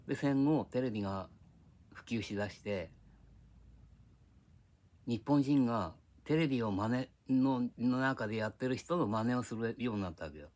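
A man's voice: mid-range voice, normal speed, pauses often, a little mellow. Older man rambling. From Japan. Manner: reminiscing, drifting between tangents, gruff casual speech. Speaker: vlogger. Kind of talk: rambling casual monologue. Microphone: iPad.

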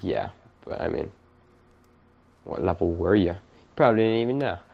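A man's voice: low voice, lively intonation, normal speed, gravelly, muffled recording. A man chatting casually while playing a game, teasing his friends with jokey banter. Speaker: let's play gamer. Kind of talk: casual gaming chat.

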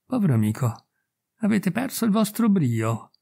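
A man reading a story aloud, voicing an aging woman who speaks gently and tenderly, with hesitant pauses. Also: high voice, big pitch swings, creaky, slightly rough, pitched above the performer's own voice, heavily acted. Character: aging woman, tender, wistful, once a beloved girl.

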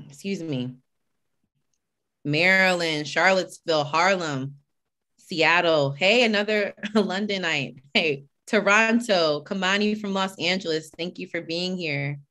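A woman with a low-pitched voice hosts an online event over a video call. She chats casually as she greets attendees by name, then shifts into a steadier introduction of the organization. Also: slow pace. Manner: warm, chatty greetings, reading names from the chat. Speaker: host and executive director.

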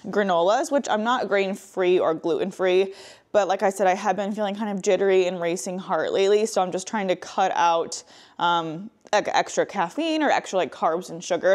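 A woman's voice: medium pitch, a little mellow. A woman in her thirties, a lifestyle vlogger, chatting casually through a grocery haul in her home kitchen on a lapel mic, upbeat and full of "like" and "um". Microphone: clip-on lapel mic.

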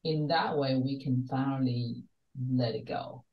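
Speaking earnestly at a measured pace, an older Taiwanese woman with a bass voice appears as a guest on a video call from her home study, where she works as a wellness coach. The webcam audio is lo-fi and roomy, recorded from a distance.

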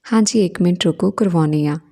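A woman voicing an earnest young married woman who sounds ill, with soft pleading questions, in a storybook reading. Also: lowish voice, quick pace. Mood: gentle.

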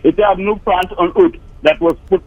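A man in his sixties phones in to a radio show and preaches his point over and over. His voice sits fairly high for a man. The call comes through a dull, muffled phone line. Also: steady tone, normal speed, no echo. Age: 60s. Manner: insistent, repetitive preaching. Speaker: caller.

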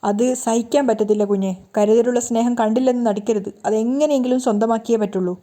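Lady rattling through a serial recap, does all the lines herself, highish voice. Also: fairly even intonation, fast talker, warm tone. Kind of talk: fast storytelling recap of a TV serial.

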